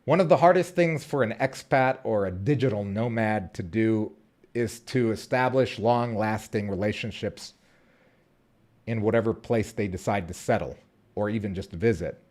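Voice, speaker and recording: A man's voice: on the low side, moderate pace, a little mellow. A man, talking casually to the camera and restarting his sentences often. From Colombia, raised in Southern California. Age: 30s. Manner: rambling, restarts sentences, frequent fillers. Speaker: vlogger. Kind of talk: casual unscripted talk to camera.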